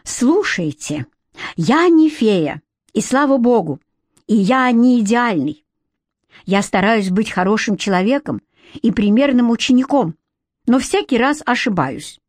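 A woman's voice: a little high, expressive, unhurried, darkish tone, no room sound, clean studio sound. A woman voicing a bold, outspoken twelve-year-old boy. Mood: defiant. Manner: brash, indignant.

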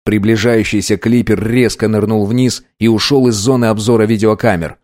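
A man narrating an audiobook in an even, measured storytelling manner. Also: on the low side, no room sound, studio quality.

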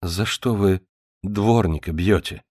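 A man doing a careful, well-mannered gentleman homeowner, low and subdued in tone. He speaks quietly and politely, with restraint, in a close, dry recording. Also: normal speed, dry recording, natural voice.

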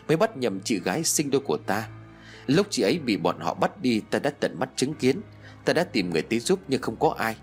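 Man reading as a vengeful woman ghost, husky and accusing, pitch rising and falling a lot. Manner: cold accusing speech. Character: vengeful female ghost, cursing her killers.

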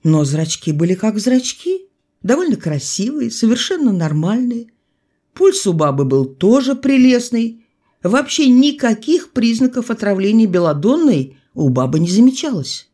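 A woman narrates a literary audiobook. Her voice moves widely and expressively across the pitch range. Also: sing-song, moderate pace, mellow, breathy edge. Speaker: audiobook reader.

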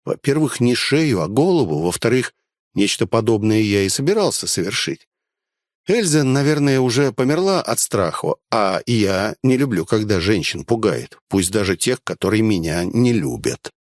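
Lively male audiobook narrator. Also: on the low side, moderate pace, no echo, clean studio sound. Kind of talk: first-person audiobook narration.

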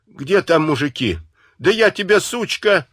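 A man's voice: a little high, animated, a little slow, a bit bright, husky, no room sound, clean studio sound, pitched above the performer's own voice, exaggerated voice. A man reading an audiobook and voicing a blustering, indignant older uncle who sputters with rage. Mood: outraged. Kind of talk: audiobook character voice.

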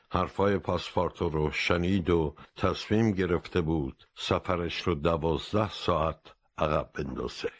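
Very deep-voiced male audiobook narrator. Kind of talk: scripted storybook narration.

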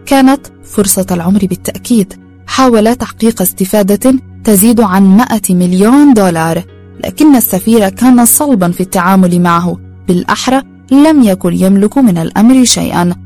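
A woman narrating a story in a calm, steady reading voice. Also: mid-range voice, fairly quick, faint music behind.

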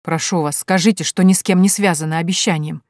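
A woman reading an audiobook voices an ardent young male detective who speaks slowly and gallantly. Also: on the low side, steady tone, no echo, clean studio sound, lightly acted. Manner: warm, slow, gallant.

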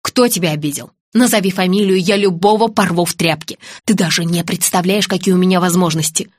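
A woman's voice: fairly low pitch, brisk, no room sound, clean studio sound, lightly acted. A woman reading an audiobook, voicing a bossy, sarcastic businessman who mocks and gives orders. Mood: brusque. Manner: mocking, commanding. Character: businessman friend, adult man, sarcastic and bossy.

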